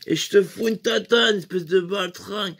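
A rowdy drunk brawler, put on by a man barks crude insults across a bar. His voice sits high and bright, with a gravelly scrape. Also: normal speed, heavily acted. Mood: aggressive.

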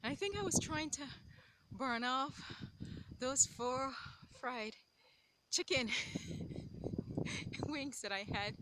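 A woman's voice: high-pitched, animated, takes it slowly, pauses often, very noisy. A woman vlogging casually while walking outdoors on a mountain trail, out of breath and chatty, laughing at her own jokes.

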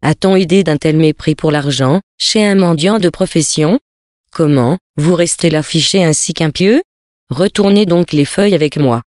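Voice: medium pitch, normal speed, a little mellow, no echo, studio quality, lightly acted. A reader voicing a stern, stingy city lady who scolds sharply, in a storybook reading. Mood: scolding.

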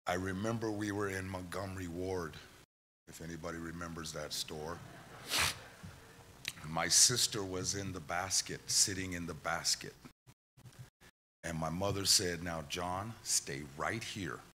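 Slow, low-voiced man giving a halting eulogy. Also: fairly even intonation, bright, forceful tone, a little hiss or hum. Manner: halting, tearful storytelling, quoting his mother. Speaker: eulogy speaker, son of the deceased. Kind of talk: emotional memorial eulogy. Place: church memorial service.

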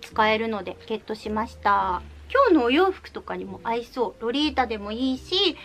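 A woman's voice: on the high side, lively intonation, normal speed, a bit bright, faint music behind. A woman chatting cheerfully in a casual haul video, showing off things she bought with playful little reveals. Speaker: vlogger showing recent purchases.

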